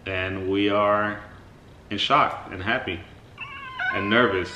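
A man's voice: on the low side, steady tone, slow pace, sharp tone, distant mic, lo-fi sound. A man chatting and joking with his wife in a casual vlog. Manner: teasing, joking. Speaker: vlogger's husband.

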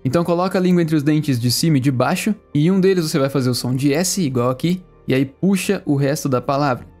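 A Brazilian man teaching English, friendly, explaining and repeating phrases slowly. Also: on the high side, a little mellow, soft background music. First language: Portuguese. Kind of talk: language lesson narration.

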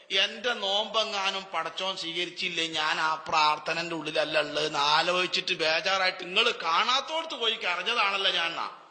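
Bright-voiced preacher in an echoing hall. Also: male voice, high voice. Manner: dramatic storytelling with rhetorical questions and answers. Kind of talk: Ramadan sermon. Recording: long hall reverb.

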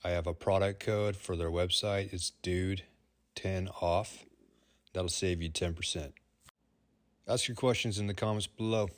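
Chill plumber guy, real low voice, reviewing a tool. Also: steady tone, a little slow, no echo, clean studio sound. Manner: easygoing, plain-spoken. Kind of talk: product review voice-over.

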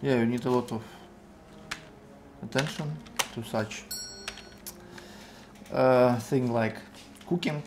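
A man in his twenties with a Russian accent, thinking aloud in halting fragments as he gives casual live game commentary. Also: medium pitch, noisy background. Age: 20s. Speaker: game streamer. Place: indoor room at a computer. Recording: music behind the voice. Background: music, keyboard typing.

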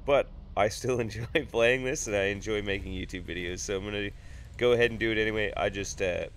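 A man in his thirties, nasal and sick-sounding from congested sinuses, does casual let's play commentary at a home desk as a gaming YouTuber, rambling, joking, and swearing freely. He talks a little fast at a fairly low pitch, with a little hiss or hum in the recording.

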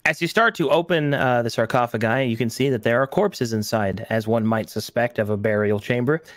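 A man running a tabletop game as dungeon master, describing scenes in a measured narrating manner. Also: mid-range voice, no echo, studio quality.

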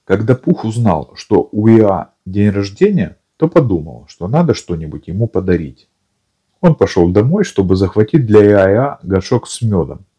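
A man narrating an audiobook in a calm, even storytelling manner. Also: on the low side, moderate pace, husky. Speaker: audiobook reader.

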